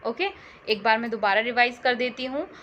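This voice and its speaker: Bright high-voiced woman teaching, slightly dull audio. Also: moderate pace, a little hiss or hum. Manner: repeats terms, quizzes listeners with questions. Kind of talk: exam-prep history lesson.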